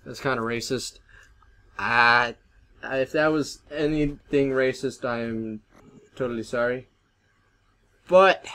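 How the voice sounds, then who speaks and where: A man's voice: medium pitch, a bit bright. A young man doing let's play commentary, rambling and self-deprecating as he talks over his gameplay. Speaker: gaming commentator.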